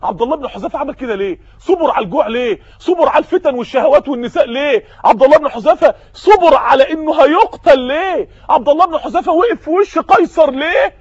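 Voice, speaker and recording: A man's voice: very high voice, lively intonation, racing, no room sound, highs cut off. A man with an Egyptian Arabic accent preaching a sermon, impassioned and firing off rhetorical questions.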